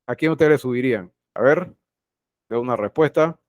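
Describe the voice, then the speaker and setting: A man's voice: mid-range voice, normal speed, dry recording, dull audio. A man teaching an online class over a video call, who often repeats his phrases and puts questions straight to his students. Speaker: university teacher.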